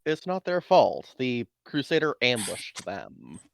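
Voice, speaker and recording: A man narrating a tabletop game as game master, in a measured, wry way. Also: mid-range voice, huge pitch swings, creaky, a little hiss or hum.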